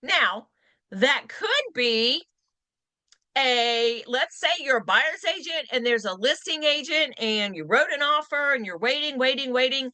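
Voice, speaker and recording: Lively bright-voiced woman teaching agents. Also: high voice, measured pace, dry recording. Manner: lively, acts out quoted lines in varied voices. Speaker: real estate trainer. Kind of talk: continuing education class talk.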